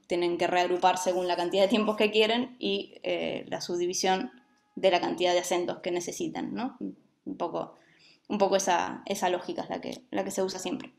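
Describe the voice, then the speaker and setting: A woman's voice: mid-range voice, vocal fry. A woman teaching a music lesson, who explains patiently and often checks that her students follow.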